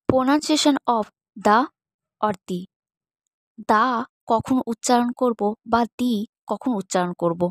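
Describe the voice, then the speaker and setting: A woman teacher with a Bengali accent giving a grammar lesson, reading example sentences slowly and deliberately, then explaining them more quickly. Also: a little high, no echo, poor audio. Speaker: English teacher. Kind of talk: slow, measured grammar lesson.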